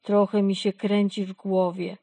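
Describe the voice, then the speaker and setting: A shy, fearful young male kitten from a children's storybook, unsure of himself, voiced by a woman reader. He talks slowly and hesitantly. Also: mid-range voice, flat delivery, warm tone, no echo. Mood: scared.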